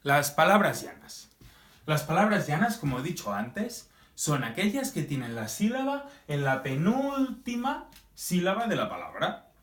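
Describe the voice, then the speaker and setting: Animated male teacher, wide swings in pitch, recorded a distance in a roomy space. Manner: lively, drawn-out examples, checking in with "¿sí?". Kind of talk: explaining a grammar lesson. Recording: echoey room from a distance.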